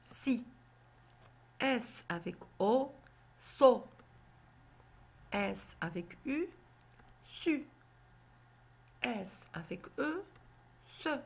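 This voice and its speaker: A woman teaching a phonics lesson to children, sounding out syllables slowly and deliberately. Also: fairly high pitch, gravelly, slightly rough. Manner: slow, deliberate, spelling out syllables.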